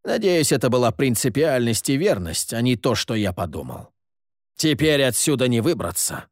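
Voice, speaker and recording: Man voicing sly sardonic schemer, low hissing delivery, lively dry read. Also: normal speed, no room sound. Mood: scolding. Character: sly scheming man, mocking, calls others amigo.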